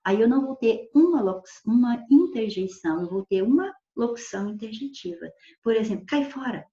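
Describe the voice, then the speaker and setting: Patient woman teacher, mellow voice, echoey. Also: fairly high pitch, lively intonation, a little fast. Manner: patient, explains through spoken examples, checks in with "certo?" and "né". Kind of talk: recorded grammar lesson. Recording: echoey room, dull lo-fi sound.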